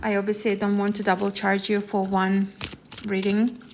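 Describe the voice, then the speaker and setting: A woman's voice: medium pitch, completely flat delivery, moderate pace, a little mellow. Woman in her 30s chatting live on a phone, lots of ums and restarts, faint hiss behind. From Ukraine. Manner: chatty, rambling, laughs often, many fillers and restarts. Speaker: tarot reader. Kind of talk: live-stream chat with viewers.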